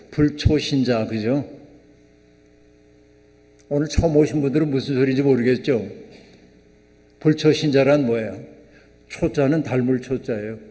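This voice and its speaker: A man's voice: a little high, darkish tone. An older male pastor preaching a conversational sermon, often asking the congregation questions. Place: church sanctuary. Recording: long reverb of a church hall.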